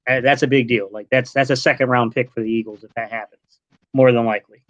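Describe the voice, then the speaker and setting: A man in his late thirties from Delaware, a guest in a casual sports podcast chat, relaxed and rambling, dropping "man" often. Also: medium pitch, fast talker, dry recording. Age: 30s. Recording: dull lo-fi online call audio.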